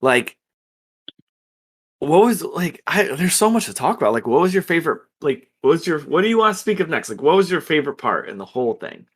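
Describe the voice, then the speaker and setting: A man's voice: a little high, sing-song, fairly quick, slightly rough. A man co-hosting a podcast, chatting in a casual, upbeat way and laughing often. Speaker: podcast co-host. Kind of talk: casual chat.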